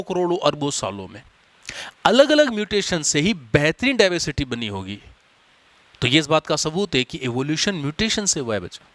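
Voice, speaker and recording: Male tutor, animated pitch, slightly high voice, dry close sound, lecture style. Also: no echo. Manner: explains step by step, addresses students as "children". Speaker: teacher. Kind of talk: classroom biology lecture.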